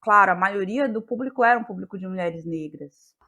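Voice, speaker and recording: A woman's medium-pitched, sharp voice moves fairly quickly as she describes her creative process in an interview. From Bahia, Brazil, she is a playwright and actress who searches for words and repeats them while ideas form.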